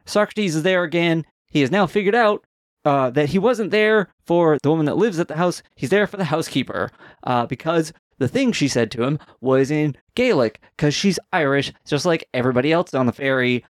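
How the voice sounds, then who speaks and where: A man's voice: fairly high pitch, expressive, fairly quick, no room sound, studio quality. A man co-hosting a podcast, recapping a TV episode in a laid-back, chatty way with frequent laughs. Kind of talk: casual chat.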